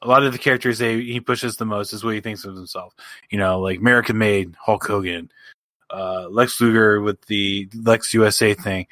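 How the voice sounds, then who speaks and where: A man co-hosting a casual podcast, ranting in an animated and exasperated way, with some swearing. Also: on the low side, normal speed, no echo. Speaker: podcast co-host.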